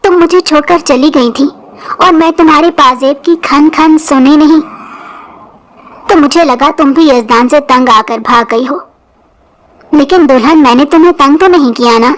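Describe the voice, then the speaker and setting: A woman's voice: high voice, close to an everyday voice. A woman voicing a grown man who acts like a clingy, stubborn child, with a whiny and innocent way of talking. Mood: childlike.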